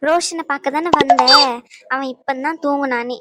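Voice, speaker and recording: A woman's voice: sits high, steady tone, normal speed, heavy background noise, lightly acted. A woman voicing a caring young cartoon woman who scolds her friend with affection. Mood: chatty.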